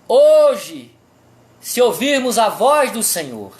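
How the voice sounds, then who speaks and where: A Brazilian-accented pastor delivers a sermon at a slow, deliberate pace. The preaching is emphatic and built on rhetorical questions to the listeners, at a middling pitch. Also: sing-song, a little mellow.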